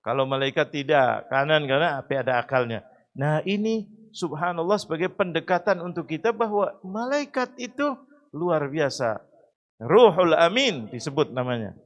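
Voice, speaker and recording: Male mosque preacher with a fairly high voice. Lively sermon, asks and answers his own questions, chants verses. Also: normal speed, highs cut off. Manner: lively, rising to loud emphatic cries; rhetorical questions answered himself.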